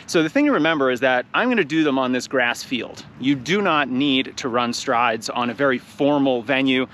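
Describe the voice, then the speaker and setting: A running coach, a little out of breath, talking nonstop to a handheld camera on a grass field outside. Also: male voice, mid-range voice, normal speed, slight background noise. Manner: talks nonstop, energetic and encouraging. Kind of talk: outdoor instructional talk to camera. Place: grass field outdoors, near traffic. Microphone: handheld camera carried while running.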